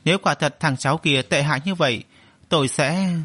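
A man's voice: on the high side, a bit bright, husky, no room sound. A man voicing a blunt, protective old grandfather in an audio story, talking firmly and in a hurry. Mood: impatient. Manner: hurried, firm.

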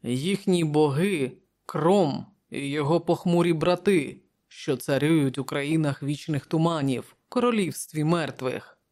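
A narrator reading an audiobook voices a brooding barbarian king from the north in a gruff, grim manner, close to the reader's own voice. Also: mid-range voice, a little slow, darkish tone, natural voice.

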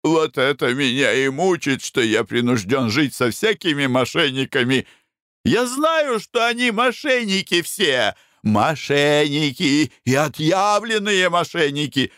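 A sobbing, wailing baronet. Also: male voice, on the high side, very animated, unhurried, a bit bright, dry recording, studio quality, pitched above the performer's own voice. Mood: sobbing despair. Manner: whimpering, sobbing and stammering. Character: weepy desperate middle-aged baronet.

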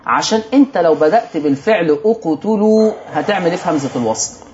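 A man's voice: on the high side, expressive, quick pace, a little mellow, highs cut off, slight background noise. A man with an Egyptian Arabic accent teaching Quran recitation rules on a televised lesson. He speaks straight to the viewers and keeps asking rhetorical questions as he works through each rule. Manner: addresses viewers directly with frequent rhetorical questions; explains rules step by step, answering imagined objections.

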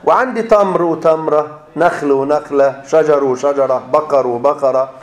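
Man, Egyptian accent, grammar teacher, fairly high voice, echoey classroom, repeats questions for students to fill in. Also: moderate pace, dull audio. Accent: Egyptian Arabic. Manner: drills students with repeated fill-in questions, then answers himself. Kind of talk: classroom lecture. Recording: echoey room.

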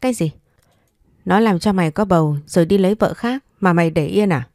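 Woman doing a harsh mean village mom, snapping and threatening, low mellow voice. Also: fairly quick, dry recording, clean studio sound, natural voice. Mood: furious. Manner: scolding, sharp and threatening. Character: harsh rural mother, shrill and scolding.

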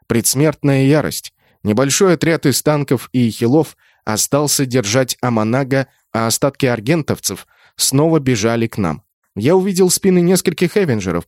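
A man giving brisk first-person narration of an audiobook. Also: medium pitch, a little mellow, dry recording, studio quality.

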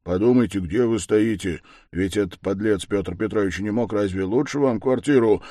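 A man voicing a drunk, boisterous young man who shouts and blusters. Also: on the low side, normal speed, dry recording, clean studio sound, voice pushed up, natural voice. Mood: blustering loud.

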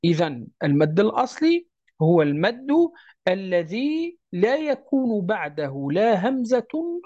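Teacher, animated delivery, slow chanted verses, dull low-fi recording. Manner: repeats points and checks understanding. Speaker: Quran recitation teacher. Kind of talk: explaining a lesson.

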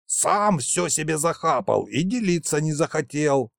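A man's voice: a little high, animated, unhurried, gravelly, dry recording, clean studio sound. A man putting on a whining old trickster spirit. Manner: self-pitying, wheedling, folksy.

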